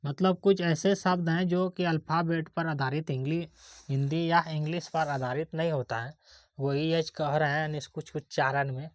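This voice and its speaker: A low-pitched female voice with fairly even intonation and a moderate pace leads a spelling lesson in classroom style. She spells each word out letter by letter, pausing to ask the pupils checking questions. No room sound can be heard.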